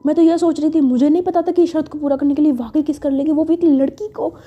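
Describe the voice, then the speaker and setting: A woman's voice: high-pitched, steady tone, fast, dark tone, lightly acted. A woman voicing a flustered young friend who stammers and talks defensively. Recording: dull lo-fi with faint music.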